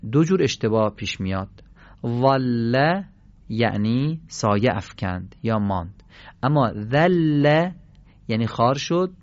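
A man's voice: mid-range voice, no echo, muffled recording. A man teaching Quran pronunciation on a radio program, explaining sounds patiently and repeating them for drills. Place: radio studio.

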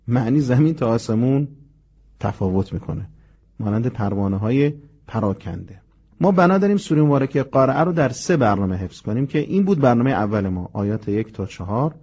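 A man teaching a Quran memorization lesson. He explains patiently and slowly models the Arabic pronunciation. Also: medium pitch, lively intonation, a little mellow, slightly rough. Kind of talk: recitation lesson.

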